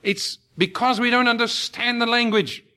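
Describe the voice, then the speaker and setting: Male preacher, very high bright voice, deliberate unhurried sermon delivery with impassioned climbs. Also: steady tone. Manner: slow, emphatic preaching with rising impassioned peaks.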